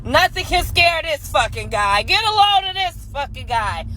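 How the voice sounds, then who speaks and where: A woman's voice: high-pitched, lively intonation, moderate pace, bright, forceful tone, slight background noise, rough recording. A woman delivering an angry, profane comedic rant in an exasperated tone.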